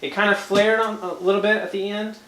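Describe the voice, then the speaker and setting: A man's voice: sits high, level tone, brisk, a bit bright. A young man teaching a one-on-one brass lesson, patient and checking in with frequent okays. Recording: echoey room, faint ambient noise.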